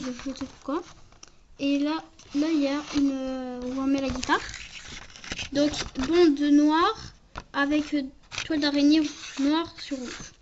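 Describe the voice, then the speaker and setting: A woman casually showing and describing a toy as she handles it, often ending phrases with a quick tag. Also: sits high, highs cut off, slight background noise. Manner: talks while handling items, often ends phrases with a tag "hein". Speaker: toy reviewer. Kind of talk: casual unboxing and show-and-tell.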